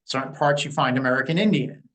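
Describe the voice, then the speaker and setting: A man's voice: medium pitch, quick pace, fairly bright tone, rough recording. A man in his fifties from New Jersey, giving blunt, opinionated answers in a candid interview, with frequent fillers. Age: 50s. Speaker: interview guest, Native community liaison.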